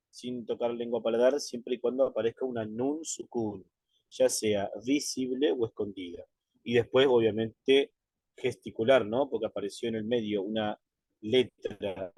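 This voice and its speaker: A man teaching Quran recitation in an online lesson, patient and methodical, checking in with his students and slowing right down to model drawn-out pronunciations. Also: mid-range voice, darkish tone, no echo.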